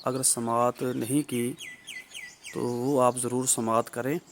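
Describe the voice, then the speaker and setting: A man with a mid-range, level voice and a Pakistani Urdu accent teaches tajweed in a recorded lesson. He explains step by step, carefully drawing out letter sounds and often checking in with "ٹھیک ہے."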